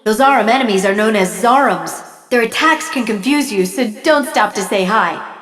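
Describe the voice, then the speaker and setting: An actress playing a kindly guiding goddess in a video game, composed and reassuring, with a distant, reverberant sound. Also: female voice, on the high side, normal speed, a bit bright, natural voice. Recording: roomy, distant, long reverb.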